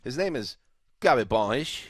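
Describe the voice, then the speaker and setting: Jokey American podcast host, dry sound. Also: male voice, mid-range voice, sing-song, normal speed, no room sound. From USA. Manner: jokey, teasing. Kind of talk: casual sports chat.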